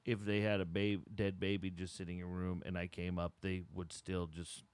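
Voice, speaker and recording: Guy doing a sad old coffin salesman, big swings in pitch, dry close sound. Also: big pitch swings, normal speed, bright, forceful tone, smooth, dry recording. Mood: mournful. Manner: emotional, swinging from giddy to gloomy. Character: desperate older male coffin salesman. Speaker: improv performer.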